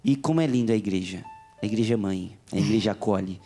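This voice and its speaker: A man's voice: on the low side, fast talker, mellow, faint music behind. Male host, affirming and preacherly. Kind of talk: religious talk show hosting.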